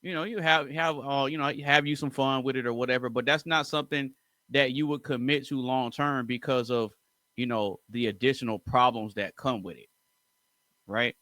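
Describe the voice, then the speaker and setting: A man's voice: medium pitch, fairly even intonation, moderate pace, pushed and bright, no echo, clean studio sound. A man hosting a casual music reaction, giving opinionated commentary and lecturing straight to his viewers.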